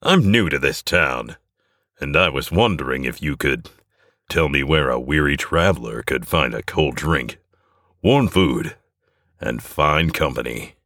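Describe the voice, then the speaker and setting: A debonair, vain storybook hero who is theatrical in everything he says, voiced by a man. The voice is lifted from a very deep, husky base. It sounds dry and close. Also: animated, a little slow, a bit bright, no room sound, exaggerated voice. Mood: smooth. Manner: smooth-talking, theatrical.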